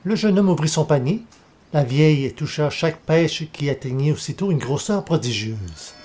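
Mellow-voiced male storybook narrator. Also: a little high, a little hiss or hum. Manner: measured, even storytelling.

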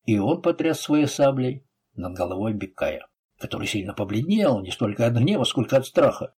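Husky male audiobook narrator. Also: mid-range voice, big pitch swings, moderate pace, a little mellow. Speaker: audiobook reader. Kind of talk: scripted narration.

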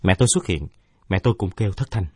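A man narrating a first-person story in a steady, measured way. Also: low-pitched, breathy edge, no room sound, clean studio sound.

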